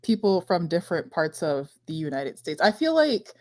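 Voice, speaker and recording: A woman's voice: on the low side, sing-song, moderate pace, a little mellow. A woman guest host in a book club chat, talking thoughtfully and laughing mid-sentence. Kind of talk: casual livestream chat.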